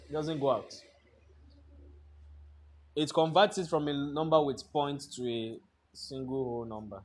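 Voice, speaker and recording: A man teaching a trading class, lecturing in a classroom and constantly quizzing students with fill-in-the-blank questions. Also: on the high side. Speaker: trading instructor.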